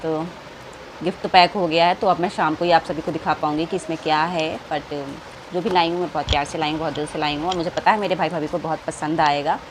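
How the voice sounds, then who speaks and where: An adult woman, a family vlogger, chats affectionately to her viewers from indoors at the family home. Her voice is deep and steady, she talks fast, and the home background is noisy.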